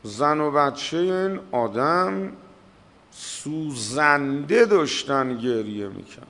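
A man preaching a religious sermon, slow and emphatic, drawing out the words he stresses. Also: a little high, lively intonation, a bit bright, in a large hall. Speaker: cleric.

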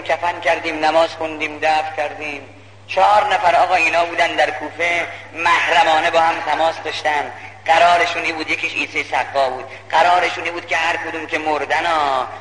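A man preaching with fervor, his voice pitched a bit high and bright, ringing in a large hall. His storytelling turns impassioned, climbing higher at the emotional peaks. A long reverb trails every phrase. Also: a little hiss or hum.

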